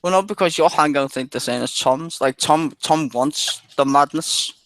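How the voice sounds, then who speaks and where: A man's voice: on the high side, normal speed, a bit bright, no room sound. A man chatting casually on an online video hangout, rambling, swearing freely and laughing often.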